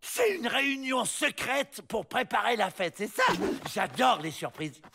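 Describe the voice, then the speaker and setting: A man's voice: very high-pitched, big pitch swings, measured pace, vocal fry, sharp tone, slight background noise, full character voice. A man playing a dim, childlike, cheerful outlaw sidekick in a cartoon, naive and eager. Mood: naive excitement. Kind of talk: animated cartoon acting.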